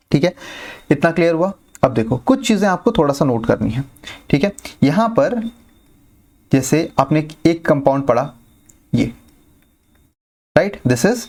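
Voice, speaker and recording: A man teaching chemistry in an online lesson. He asks the class questions and answers them himself, thinks aloud with pauses, drops in English terms and often checks in with "right?" and "okay". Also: on the high side, a little mellow. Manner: mixes English terms into his speech.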